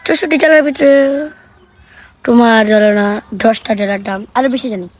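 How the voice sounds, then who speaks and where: A woman's voice: a little high, fairly quick. A woman guest on a vlog, chatting playfully and putting on regional dialects. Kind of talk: casual chat.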